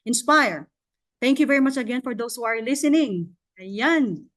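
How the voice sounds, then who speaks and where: A woman gives a casual motivational talk to an online audience, speaking off camera. She is a chatty, encouraging mentor who speaks directly to her listeners. Her speech is halting, full of fillers and restarts. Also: on the high side, animated. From Philippines. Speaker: mentor sharing her success story. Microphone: off camera, online session mic.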